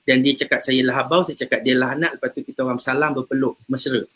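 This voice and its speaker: A man with a husky, slightly breathy voice at an ordinary middle pitch. He talks easily about faith and character, slipping into stories and repeating words as he thinks. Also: little pitch movement, fast, sharp tone. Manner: chatty storyteller, repeats words. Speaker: religious teacher and host. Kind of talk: casual talk on faith and character.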